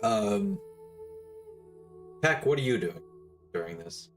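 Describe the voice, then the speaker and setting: A man running a tabletop game as game master, relaxed and casual with plenty of fillers. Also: a little high, slow, gravelly, faint music behind. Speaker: dungeon master.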